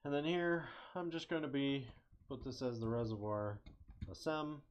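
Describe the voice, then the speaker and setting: A man's voice: medium pitch, lively intonation, normal speed, a little hiss or hum. A young man casually talking through a CAD design on screen, thinking aloud, correcting himself and cracking small jokes. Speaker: engineering student. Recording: slightly muffled lo-fi mic.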